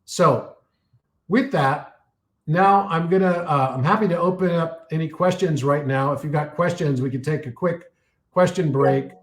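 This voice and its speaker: A man giving a live talk and taking audience questions, telling stories full of fillers and restarts while his voice is getting a little hoarse. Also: fairly high pitch, moderate pace, reverberant. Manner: rambling storytelling with many fillers and restarts.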